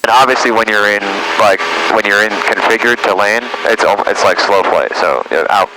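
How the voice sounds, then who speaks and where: Low-voiced male flight instructor in a cockpit. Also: a little fast. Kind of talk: casual instructional cockpit chat. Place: small aircraft cockpit in flight. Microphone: aviation headset intercom. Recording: noisy cockpit intercom, engine drone.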